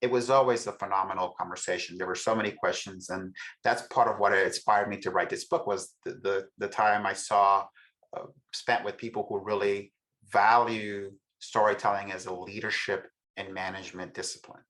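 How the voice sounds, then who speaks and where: In a podcast interview, a middle-aged man from El Salvador, a researcher and author, reflects aloud as a guest and frequently restarts his thoughts. His voice is on the low side yet fairly bright, with a level tone and a moderate pace.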